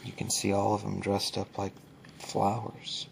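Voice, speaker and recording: A man hosting ASMR in a soft, unhurried way, often near a whisper, pausing as he describes things. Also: fairly low pitch, completely flat delivery, creaky, slight background noise. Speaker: ASMR host. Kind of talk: soft ASMR book show-and-tell, often dropping to a whisper.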